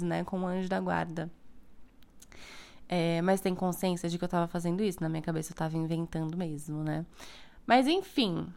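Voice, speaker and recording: A young woman speaks in a Brazilian Portuguese accent, loose and conversational, tossing in little asides to her listeners. Her voice sits at an ordinary middle pitch for a woman, and she talks like a spiritual vlogger chatting to a camera. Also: clear, resonant tone. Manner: chatty and playful, frequent "né?" asides. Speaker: spiritual content creator. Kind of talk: casual spiritual vlog monologue.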